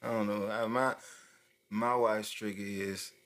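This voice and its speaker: A man's voice: lowish voice, steady tone, measured pace, fairly bright tone. A man co-hosting a podcast, laid-back and joking, who calls himself nonchalant. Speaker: podcast co-host. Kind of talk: casual chat.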